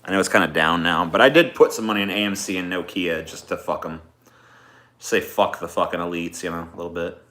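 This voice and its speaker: A streamer host with a low voice talks briskly in a pushed, bright tone, rambling off the cuff with plenty of profanity in casual improvised chat. Background music and a roomy echo are audible.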